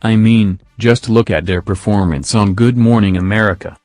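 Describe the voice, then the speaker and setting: Low synthetic male robot voice. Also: normal speed, faint music behind. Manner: flat, evenly paced machine reading. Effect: synthetic robot text-to-speech voice. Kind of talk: scripted opinion commentary.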